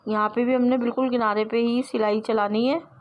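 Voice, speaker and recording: A woman's voice: fairly high pitch, steady tone, normal speed, muffled recording, a little hiss or hum. A woman teaching sewing step by step, explaining patiently and repeating herself as she works with her hands.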